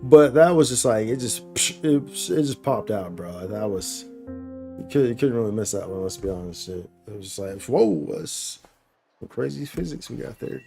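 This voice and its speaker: Faint game music plays behind a man streaming gameplay, who muses aloud in casual, slang-filled, repetitive talk. He has a mellow mid-range voice, animated and moderately paced, with some vocal fry.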